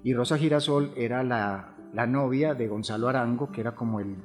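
A man speaks in a calm, explanatory way, often posing a question and then answering it himself. His voice sits in the middle range. It rings with a long hall reverb over faint background music. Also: mid-range voice, fairly quick. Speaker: grief therapist guest. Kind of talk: reflective podcast conversation.

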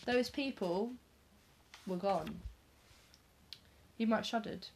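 A woman's voice: medium pitch, slow pace, a little hiss or hum. A young woman chatting casually, adding wry comments and laughter. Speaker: podcast co-host. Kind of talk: casual chat.

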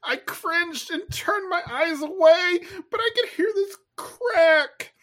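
A woman's voice: extremely high pitch, takes it slowly, fairly bright tone, exaggerated voice. A woman voicing an anxious male cat who tells a story in a rambling, teary way.

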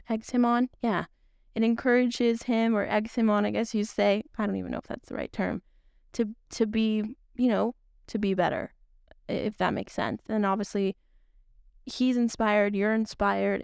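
Earnest rambling woman with gravelly voice. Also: medium pitch, darkish tone, dry recording, studio quality. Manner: rambling, earnest, laughs often. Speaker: podcast host. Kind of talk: casual faith talk to women.

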